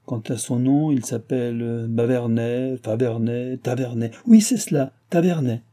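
A man voicing an excitable, tearful young noblewoman who talks in an insistent way. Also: mid-range voice, measured pace, natural voice. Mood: upset.

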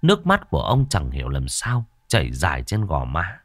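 A man narrating a ghost story in a dramatic, expressive storytelling manner. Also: rumbling low, moderate pace, dry recording, studio quality.

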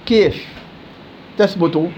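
A man's voice: sits high, takes it slowly, a little hiss or hum. A man with a Levantine Arabic accent teaching Quran recitation rules in a live class, quizzing his students and teasing them as he goes. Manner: questioning students, teasing and lively. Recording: dull lo-fi classroom recording.

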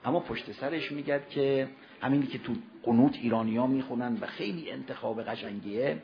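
A man's voice: medium pitch, gravelly, muffled recording. A man giving a Ramadan sermon, telling stories and acting out quoted voices, building to emphatic peaks. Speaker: preacher. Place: religious gathering hall.

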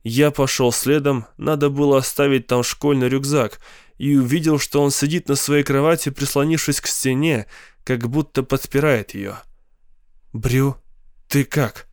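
A man narrating a novel in a measured, unhurried way on a close studio mic. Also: mid-range voice, steady tone, smooth, no room sound. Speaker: audiobook narrator. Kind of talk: scripted narration.

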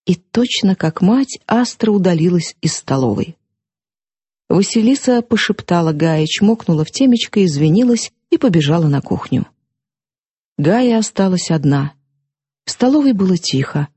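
A woman narrating an audiobook in a measured, steady storytelling voice. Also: lowish voice, slightly rough, no room sound.

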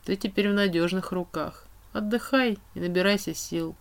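A woman voicing a weary, tender middle-aged king who speaks low and tired. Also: moderate pace, creaky, lightly acted. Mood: gentle.

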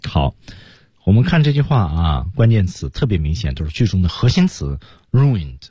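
A deep, husky man teaching English on radio, his voice swinging widely as he explains and acts out lines. It sounds dry and close in a studio. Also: big pitch swings, moderate pace, dark tone, dry recording.

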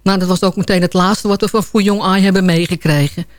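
A woman's voice: medium pitch, steady tone, brisk, no echo. A woman delivering a comic radio column in a sardonic, chatty storytelling manner.

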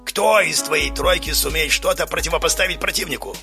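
A man's voice: high-pitched, sing-song, normal speed, gravelly, music in the background, voice pushed up, heavily acted. Man doing a barking, insulting drill instructor. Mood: mocking. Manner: shouting insults and curt orders. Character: harsh barking male military drill instructor. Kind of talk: audiobook character voice.

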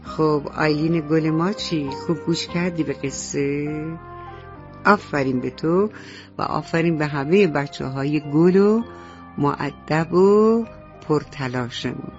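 A woman's voice: low-pitched, pauses often, dull audio, faint music behind. A woman storyteller narrating a children's bedtime story on the radio, speaking directly to the children listening. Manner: warm, addresses children directly.

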